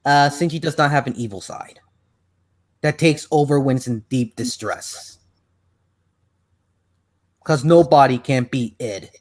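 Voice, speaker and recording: A man hosting a casual online podcast, rambling and restarting his sentences with lots of "like". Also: mid-range voice. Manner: rambling, halting, heavy on "like" restarts. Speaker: podcast host.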